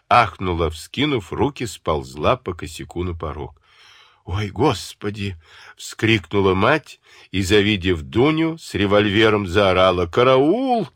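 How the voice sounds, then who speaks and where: A man narrates an audiobook with a dramatic, varied delivery. His voice is deep and husky, and it moves slowly through a wide pitch range. The dry studio sound keeps it close. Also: fairly bright tone, no echo.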